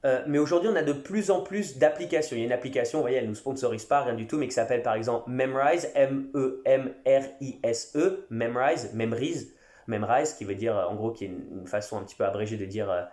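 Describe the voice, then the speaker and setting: A man speaks in a mid-range voice, chatting loosely as a podcast host and pausing to find his words. His voice rings off the walls of a reverberant room. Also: medium pitch, darkish tone. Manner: conversational, many fillers and restarts. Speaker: podcast host and English teacher. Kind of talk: casual solo podcast talk.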